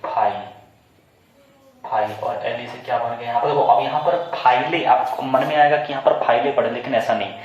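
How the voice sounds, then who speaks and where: In a muffled, echoey room, a male English teacher runs a pronunciation lesson at normal speed. His mid-range voice questions the pupils, spelling words out letter by letter and then repeating them.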